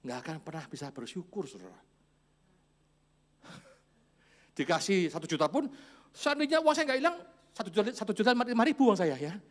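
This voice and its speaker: A man in his forties preaching a church sermon, storytelling with chuckles and quiet asides. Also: high voice, very animated, normal speed, pauses often. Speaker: pastor.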